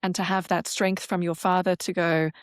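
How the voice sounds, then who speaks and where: Low-voiced woman co-hosting a podcast. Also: flat delivery, normal speed, dry recording, clean studio sound. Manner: thoughtful, explanatory. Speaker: podcast co-host. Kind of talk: casual chat.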